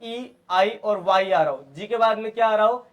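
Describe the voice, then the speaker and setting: A man's voice: sits high, normal speed, lo-fi sound. A man teaching English pronunciation in who keeps asking his students questions and repeating each answer. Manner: asks and repeats questions, calls students "beta". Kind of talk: classroom lesson.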